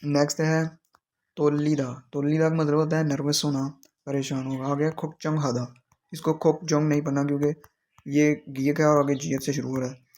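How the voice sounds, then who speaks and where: A man teaching Korean vocabulary, explaining each word slowly and repeating it. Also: a little high, flat delivery, a little mellow.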